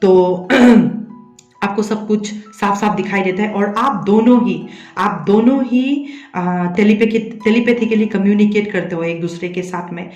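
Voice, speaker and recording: A woman's voice: mid-range voice, unhurried, a little mellow. Woman, tarot reader, talks straight to the viewer, coaxing, keeps checking they follow, roomy echo, faint music underneath. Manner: coaxing, repeats a tag question to check the listener follows. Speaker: tarot reader and psychic medium. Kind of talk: addressing viewers directly in a tarot reading.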